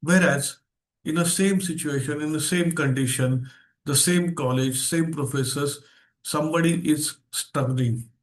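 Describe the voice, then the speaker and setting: Slightly high-pitched and a little slow, an Indian-accented man leads an online video session as a guest trainer. The seminar is interactive, so he stresses the important phrases and puts questions to those listening.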